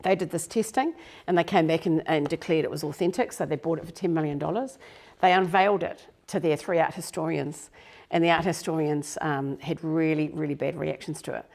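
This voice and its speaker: A woman's voice: low voice, brisk, vocal fry, few pauses, a little mellow. A middle-aged woman, a business coach giving a live workshop talk to a group in a room, chatty and self-deprecating.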